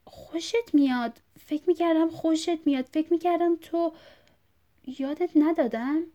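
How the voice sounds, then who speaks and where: A woman's voice: very high voice, warm tone, dull audio, pitched above the performer's own voice. A woman reading a story aloud, voicing a confused, bleeding old father who rambles and repeats himself insistently. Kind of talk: audiobook reading.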